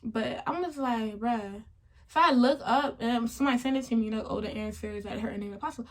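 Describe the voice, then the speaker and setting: A woman's voice: fairly high pitch, a little fast. A young woman vlogger telling a story in a casual, chatty and indignant way, with lots of "like". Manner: chatty and indignant, heavy use of "like".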